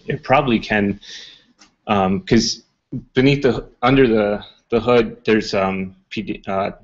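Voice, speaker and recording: A man presenting a casual technical talk, relaxed, with many ums and uhs. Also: low-pitched, breathy edge. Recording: muffled talk recording.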